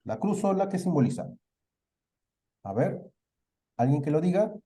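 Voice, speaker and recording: Male Peruvian teacher, very dark tone, conversational lecture style. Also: fairly high pitch, very animated, a little slow. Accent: Peruvian Spanish. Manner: asks students questions and answers them himself. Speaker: literature teacher. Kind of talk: online class review.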